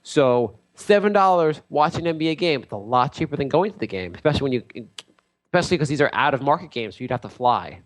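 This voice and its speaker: A man voicing a pompous self-styled male lord and sports insider in an improvised comedy bit, rambling through a grandiose sales pitch. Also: expressive, fast, close to an everyday voice.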